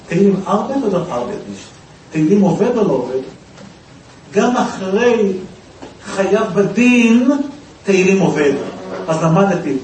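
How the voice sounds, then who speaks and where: A man's voice: a little high, darkish tone. A man giving a storytelling talk, acting out the voices of the people he quotes. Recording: echoey room, distant mic, faint noise.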